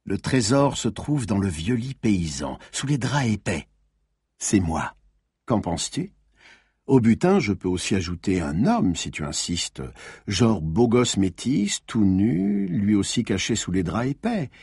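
A man's voice: fairly low pitch, sing-song, measured pace, darkish tone, slightly rough, no echo, clean studio sound, full character voice. A man voicing a playful young woman who teases a sleepy lover and dreamily describes her idea of treasure. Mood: dreamy. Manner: teasing, playful, wistful.

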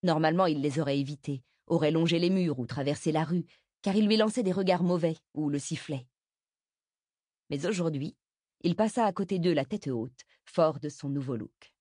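Low-voiced lady reading an audiobook, steady pace, dry and close. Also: normal speed, no room sound. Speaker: audiobook narrator. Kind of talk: scripted narration.

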